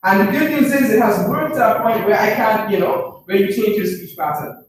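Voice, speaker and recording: A man's voice: sits high, animated, normal speed. A man giving a motivational talk to a live group at an information session. He often checks in with the room by asking 'right?' and repeats phrases for emphasis. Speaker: presenter at a business information session. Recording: very echoey room, far from the mic, faint noise.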